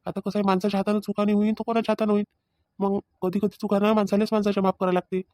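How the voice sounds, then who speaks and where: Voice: medium pitch, level tone, rapid-fire, a little mellow, no echo, studio quality, close to an everyday voice. A performer voicing a remorseful young husband in a cartoon family drama who pleads and defends himself, speaking. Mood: pleading.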